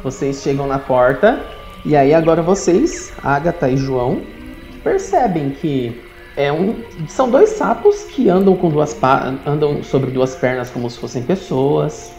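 Animated woman running a tabletop game. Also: low-pitched, measured pace, soft background music. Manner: lively storytelling with animated rises. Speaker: game master. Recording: roomy, dull lo-fi sound.

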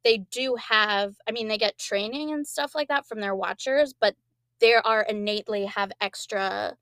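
A woman with a gravelly, fry-laden voice recaps a TV episode for her co-host. She rambles loosely and slips into quoting the characters as she goes. The sound is close and dry. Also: mid-range voice, normal speed, a bit bright, no room sound. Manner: rambling, quotes characters with laughs. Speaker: podcast co-host. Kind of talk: casual chat, recapping episodes.

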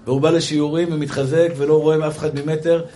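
A middle-aged male rabbi delivering a lively comic sermon in a chatty, joking way, calling his listeners brothers. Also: a little high, slight background noise.

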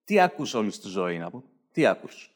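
A satirical comedian with a Greek accent and a fairly low, very animated voice performs a sarcastic stand-up monologue. His mocking delivery keeps slipping into mimicked voices.

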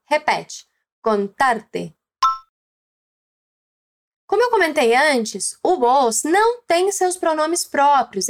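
A woman with a Brazilian Portuguese accent narrates a scripted language lesson, speaking slowly and clearly and prompting the listener to repeat. Her voice sits high.

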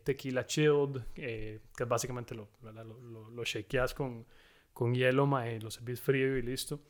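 A Costa Rican man in his thirties, telling stories as a guest in a relaxed chat, saying "mae" often. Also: mid-range voice. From Costa Rica. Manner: relaxed, says "mae" constantly, storytelling. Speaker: guest, tequila brand founder. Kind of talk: casual podcast chat.

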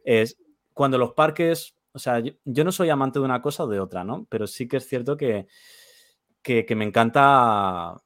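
A man, a guest on a podcast, explaining his views in quick, long runs of casual talk. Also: mid-range voice, fairly bright tone, no room sound, studio quality. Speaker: guest, theme park reviewer.

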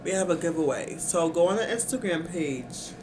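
A woman's voice: lowish voice, animated, normal speed. A woman co-hosting a podcast in casual chat, laughing often and joking about herself. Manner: laughing, self-mocking, giggly. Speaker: podcast co-host. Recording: echoey room with some noise.

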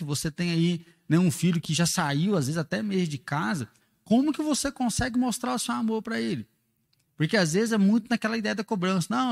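Casual church teacher, male, high-pitched with a gravelly edge, earnest and explanatory. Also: in a large hall. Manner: earnest, explains with rhetorical questions and quoted examples. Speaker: father and church speaker on parenting. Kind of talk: conversational teaching talk.

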